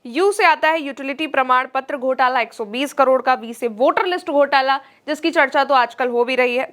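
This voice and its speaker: A woman's voice: high voice, moderate pace, fairly bright tone. A woman presenting scripted political news narration in an emphatic, dramatic way.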